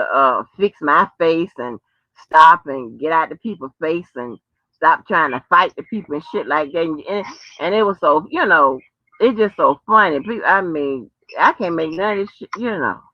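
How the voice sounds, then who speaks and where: Her voice is deep and animated, her pace moderate, and there's no echo, though the recording sounds dull and lo-fi. This American host chats in a rambling, profane way with viewers and on the phone, drawing out exclamations and using folksy address.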